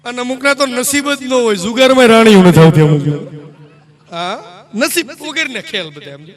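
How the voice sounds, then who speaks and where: A man's voice: very high-pitched, animated, moderate pace. A man telling jokes to a live audience, chatting with listeners between stories. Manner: jokey, chatty, addresses audience directly. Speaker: stage comedian. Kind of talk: live comic storytelling. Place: live stage show.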